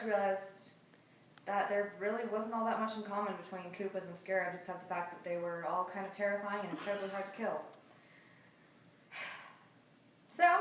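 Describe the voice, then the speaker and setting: A woman improvises a casual comic story, rambling conversationally and tossing in offhand asides. Her medium-pitched voice has a fairly bright tone. She's far from the mic in an echoey room, with faint noise.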